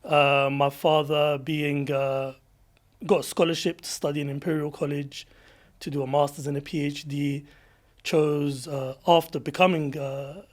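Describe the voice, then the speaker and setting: A London man appearing as a podcast guest chats casually in a voice a little higher than most men's. He's relaxed and reflective, pausing, restarting, and using fillers as he works through his answers.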